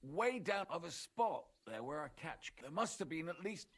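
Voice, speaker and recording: An actor playing a talkative medieval villager in a video game, giving directions and telling tales in a husky voice. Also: male voice, a little high, sing-song, moderate pace. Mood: storytelling.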